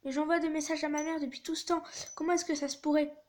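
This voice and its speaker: A woman voicing a scared teenage boy lost on a train in a text-message story, anxious and pleading. The voice is high and light. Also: level tone, fast talker, close to an everyday voice.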